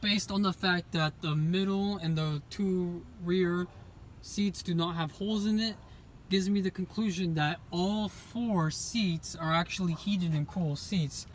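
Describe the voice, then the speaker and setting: High-voiced man on a handheld phone video. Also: steady tone, a little slow, a little hiss or hum. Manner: chatty, enthusiastic, pointing things out. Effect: phone video recording. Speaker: car reviewer. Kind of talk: casual walk-around car review. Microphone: phone camera held in hand.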